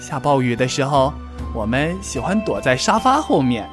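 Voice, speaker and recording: A man voicing a timid, excitable young female rabbit in a storybook, with a shrill, panicky way of talking. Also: normal speed, music in the background, lightly acted. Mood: teasing.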